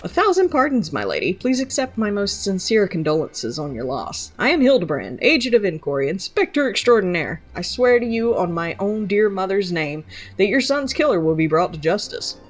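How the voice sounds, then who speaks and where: A woman voicing a pompous, flamboyant gentleman inspector in a game, speaking in a grand, theatrical way. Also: mid-range voice, sing-song, moderate pace. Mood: gallant.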